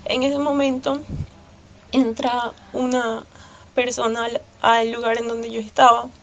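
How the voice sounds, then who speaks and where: A woman giving a personal religious testimony to her church, earnest and fervent, with halting restarts. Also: fairly high pitch, level tone, a little hiss or hum.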